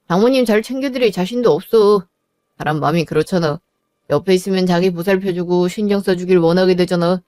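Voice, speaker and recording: A woman's voice: lowish voice, mellow, no room sound, clean studio sound, voice pushed down, close to an everyday voice. A woman doing a cold, dismissive husband. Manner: curt, dismissive. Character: cold selfish middle-aged husband. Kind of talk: narrated drama voice acting.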